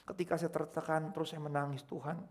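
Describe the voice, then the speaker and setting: A middle-aged man preaches in a church with a somewhat high-pitched voice. His delivery is conversational rather than formal. He swings between loud, emphatic exclamations and soft, intimate asides to the congregation. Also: normal speed. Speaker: pastor. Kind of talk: sermon.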